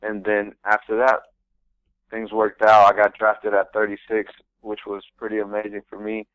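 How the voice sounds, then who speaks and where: A young man speaks in a low voice, earnest and rambling, stopping and restarting as he tells his story. He sounds close and dry, like a guest in a radio studio. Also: monotone, moderate pace, clear, resonant tone, dry recording, narrow, tinny audio. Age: young adult. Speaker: guest, pro soccer rookie. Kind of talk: casual interview storytelling.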